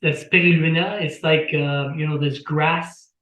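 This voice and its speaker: Man, bright voice, rambling guest, repeats himself, roomy lo-fi call audio. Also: fairly high pitch, steady tone, unhurried. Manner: rambling, repeats words, tells anecdotes. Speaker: interview guest. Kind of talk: casual explanatory talk.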